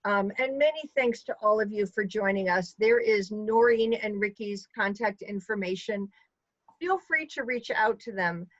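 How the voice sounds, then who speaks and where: A woman's voice: mid-range voice, normal speed, dry recording. Woman host, chatty and grateful, fillers, dry muffled video-call sound. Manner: warm, grateful, many ums. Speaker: webinar host. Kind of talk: casual closing remarks on a video call.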